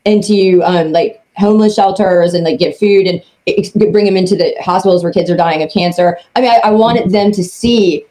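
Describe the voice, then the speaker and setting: A woman's voice: on the low side, normal speed, few pauses, dark tone, rough recording. A woman lawyer co-hosting a podcast in casual chat, talking emotionally with many fillers and restarts.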